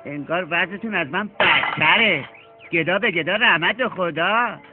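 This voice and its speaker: An actor dubbing a pleading poor village beggar with a sing-song whine. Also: male voice, high-pitched, lightly acted. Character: whining poor male village beggar with many kids. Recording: tinny lo-fi film dub with music behind.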